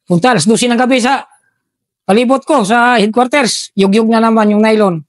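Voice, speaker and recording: A middle-aged man tells war stories in an animated way and acts out the voices of the people he quotes. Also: very high-pitched, normal speed, no echo. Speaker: retired army officer telling war stories. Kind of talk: storytelling, acting out dialogue.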